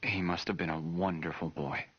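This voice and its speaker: An actor playing a gentle, hesitant American doctor conducting a taped interview in a game. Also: male voice, low-pitched, fairly even intonation, normal speed. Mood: gentle, careful. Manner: soothing, hesitant. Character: gentle, tactful young medical doctor. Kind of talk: dramatic game voice acting as a taped police interview. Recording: dull, muffled old tape recording.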